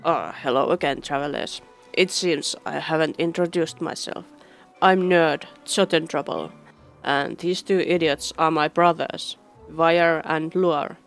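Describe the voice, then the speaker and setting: A woman putting on a dry, low gnome. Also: steady tone, unhurried, gravelly, soft background music. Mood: wry. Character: gnome, wry eldest brother.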